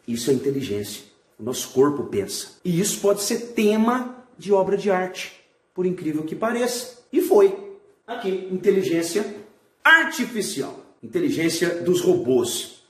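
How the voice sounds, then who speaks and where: A man, an art teacher giving a recorded video lesson to schoolchildren, animated and full of rhetorical questions. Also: high voice, a little slow, reverberant. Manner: animated, asks rhetorical questions and acts out examples.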